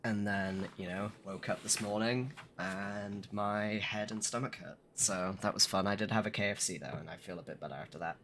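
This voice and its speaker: A hungover man streaming a game, chatting casually and haltingly with some swearing, his voice a little rough. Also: fairly low pitch, fairly even intonation, a bit bright, a little hiss or hum. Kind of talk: casual livestream chat.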